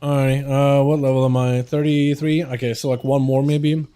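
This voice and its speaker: A young man with a slight Russian accent streams while gaming, chatting casually and rambling as he answers questions from chat, laughing often and saying "like" constantly. His voice is medium-pitched and smooth, with a level, warm tone and a moderate pace.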